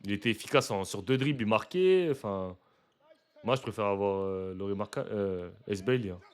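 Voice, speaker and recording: A young man giving casual live reaction commentary to basketball footage, slangy and chatty, breaking into loud excited exclamations. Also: on the low side, fairly quick, smooth.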